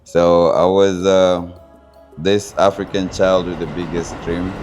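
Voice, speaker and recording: A man from Kenya with a Kenyan accent, telling his life story in an interview and often pausing with fillers as he searches for words. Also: sits low, little pitch movement, darkish tone, faint music behind. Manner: thoughtful, searching for words with many pauses and fillers. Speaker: interview guest, founder of a culture group.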